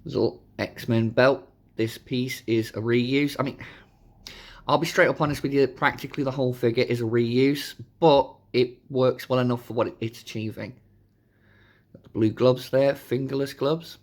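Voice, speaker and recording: A man hosting a casual, chatty toy review, his voice hoarse from a sore throat. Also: medium pitch, steady tone, normal speed. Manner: informal, chatty. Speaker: host of a toy review channel.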